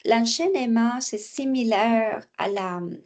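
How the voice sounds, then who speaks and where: A woman teaching French at an unhurried, deliberate pace. She explains exercises patiently, repeats each phrase and now and then slips into for her students. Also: on the high side, darkish tone. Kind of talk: online language lesson, explaining exercises.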